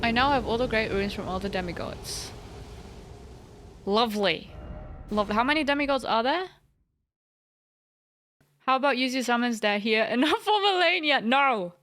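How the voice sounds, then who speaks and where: A woman's voice: fairly high pitch, animated, normal speed, fairly bright tone, a little hiss or hum. A young woman streaming a video game, chatting casually with her viewers and joking about her own failures. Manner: chatty, talks to chat and replies to their messages; frustrated, self-mocking banter. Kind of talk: casual live-stream chat while gaming.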